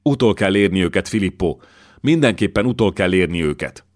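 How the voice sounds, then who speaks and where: A man's voice: low voice, expressive. A male narrator voicing an old king who is anxious and bitter, raising his voice sharply in his orders. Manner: raises his voice sharply in his outbursts.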